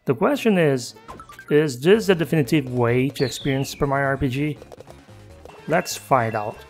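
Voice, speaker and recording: A man's voice: mid-range voice, moderate pace, faint music behind. A man narrating a scripted game review with wry, self-mocking asides.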